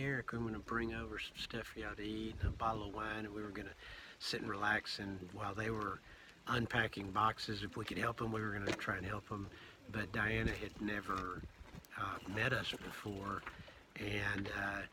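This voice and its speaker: A man's voice: on the low side, background noise. A middle-aged man recording a casual spoken diary of his pilgrimage, talking reflectively with many fillers and restarts. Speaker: pilgrim vlogger.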